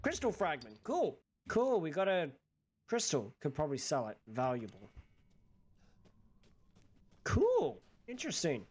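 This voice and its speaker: A man's voice: fairly high pitch, big pitch swings, moderate pace, a little mellow, slightly rough. A young man giving casual, sarcastic, sweary commentary as he plays a game. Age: young adult. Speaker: gaming streamer. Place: small bedroom-like room indoors.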